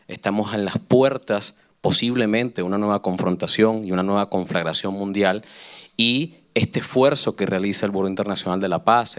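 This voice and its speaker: Earnest Venezuelan man, smooth low voice. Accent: Venezuelan Spanish. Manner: earnest, oratorical, long flowing sentences. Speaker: audience member, peace activist. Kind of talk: public floor statement at a panel. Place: conference hall.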